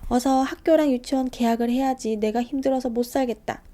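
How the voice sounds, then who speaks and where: A woman's voice: high voice, brisk, warm tone, voice pushed up. A woman voicing an exasperated mother scolding her two young sons.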